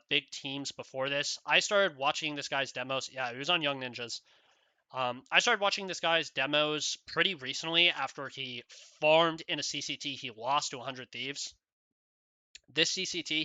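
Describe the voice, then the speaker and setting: A man's voice: on the high side, sharp tone, dry recording. A man giving rambling solo esports commentary, casual, with many fillers and "right?" tags.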